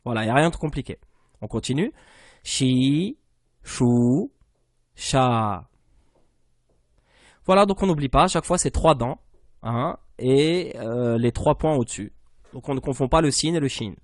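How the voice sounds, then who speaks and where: A man's voice: medium pitch, a little fast, no room sound, studio quality. A man giving an online lesson on Arabic letters and reading rules, patiently repeating each rule and each word. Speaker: Arabic teacher.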